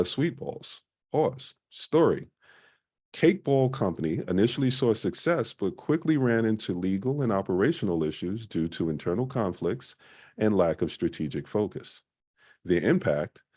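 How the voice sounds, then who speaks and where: A man presenting a small-business marketing workshop in a conversational way, often pausing on "uh". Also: low-pitched, warm tone. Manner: conversational, frequent "uh" fillers.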